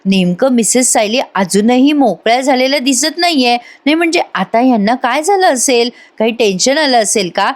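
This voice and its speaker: A woman's voice: on the high side, animated, normal speed, few pauses, pitched above the performer's own voice, lightly acted. A woman reading out the lines of a thoughtful, hesitant young husband in a TV serial recap.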